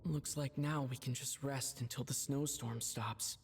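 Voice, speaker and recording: A man voicing a friendly young video game character who speaks in a mild, matter-of-fact way, with a husky voice. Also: medium pitch, steady tone, measured pace, slight background noise.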